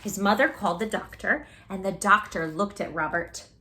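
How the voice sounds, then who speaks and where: Here a woman leads a children's storytime, giving an expressive read-aloud of a picture book and talking enthusiastically to the children. Her mid-range voice has a sharp tone and lively intonation at a moderate pace, with slight background noise present.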